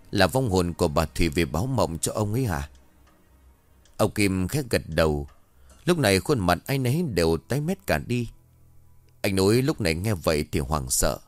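Deep-voiced male ghost story narrator. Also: dry recording.

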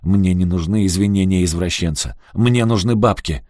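A man reading an audiobook and voicing a jeering, menacing young male thug who taunts and shouts threats. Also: deep voice, moderate pace, no echo, clean studio sound, close to an everyday voice. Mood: jeering, threatening.

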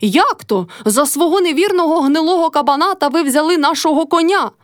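A woman's voice: mid-range voice, lively intonation, racing, dry recording, studio quality, natural voice. A woman voicing a quarrelsome young village wife who screams insults at her neighbours in a storybook reading. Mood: shrill scolding. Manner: shrieking insults.

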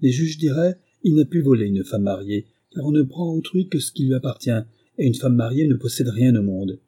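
A man's voice: medium pitch, expressive, a little fast, dark tone, husky. A man voicing a stern, sarcastic titled husband who lectures his wife in a curt, condescending way. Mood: lecturing.

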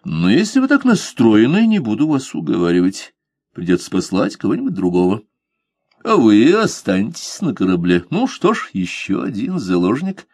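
A man doing a calm, mocking pirate captain. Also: lowish voice, normal speed, husky, no room sound, clean studio sound, heavily acted. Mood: ironic. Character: calm, ironic pirate captain, male adult.

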